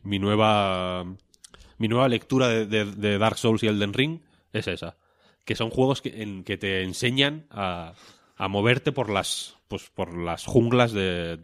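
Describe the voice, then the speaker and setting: A man's voice: on the low side, dry recording, studio quality. A man in his thirties, chatting casually on a podcast in a rambling, self-mocking way and swearing freely. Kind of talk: casual chat.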